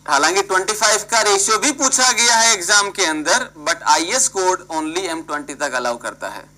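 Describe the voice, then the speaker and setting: A man's voice: high-pitched, lively intonation, moderate pace, bright, forceful tone, rough recording. A man teaching an engineering class online, prodding and scolding students by name and mixing English terms into his talk.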